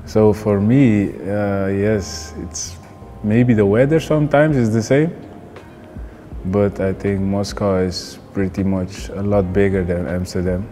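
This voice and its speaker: Dutch-accented young man, relaxed and hesitant. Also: fairly low pitch, takes it slowly, faint music behind. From Netherlands. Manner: relaxed, hesitant, many fillers. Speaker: football player. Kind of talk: casual interview answers. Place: indoor hotel room.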